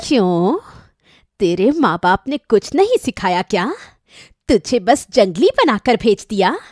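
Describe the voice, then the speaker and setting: A woman voicing a strict, sharp-tongued middle-aged mother-in-law in a cartoon story. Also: mid-range voice, sing-song, a little slow, dry recording, studio quality. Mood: scolding. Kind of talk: cartoon voice acting.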